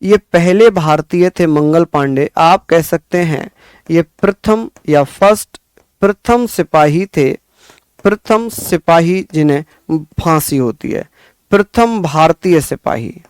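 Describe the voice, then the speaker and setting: A man teaching a history lesson, repeating key facts slowly for his students to memorize. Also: fairly high pitch, clean tone, no echo. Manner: scolding but caring pep talk. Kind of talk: exam-prep history lesson.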